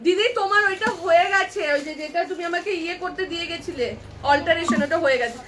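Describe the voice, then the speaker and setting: A woman's voice: extremely high pitch, quick pace, background noise. A woman with a Kolkata Bengali accent selling clothes on a live stream from a shop, chatty and talking straight to viewers. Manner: chatty, addresses viewers directly, counts off sizes. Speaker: online clothing seller. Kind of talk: live-stream sales pitch. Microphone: phone camera.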